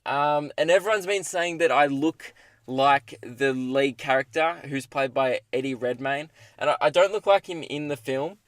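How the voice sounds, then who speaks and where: A man's voice: fairly high pitch, moderate pace, a bit bright, no echo. A young man with an Australian accent rambling casually and jokingly through a solo podcast, recorded inside a parked car. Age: young adult. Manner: self-deprecating, joking.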